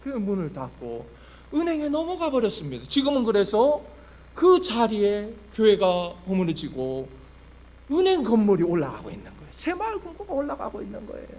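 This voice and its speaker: A male pastor preaching a sermon to his church, passionate, dropping to hushed tones and then rising to loud exclamations. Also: sits high, huge pitch swings, brisk. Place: church sanctuary.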